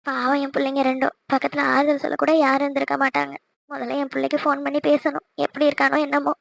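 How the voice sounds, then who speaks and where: A woman's voice: sits high, monotone, fast, creaky, slight background noise. A woman voicing a worried, talkative middle-aged mother in a cartoon, scolding and dramatic. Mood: calm. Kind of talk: cartoon voice acting.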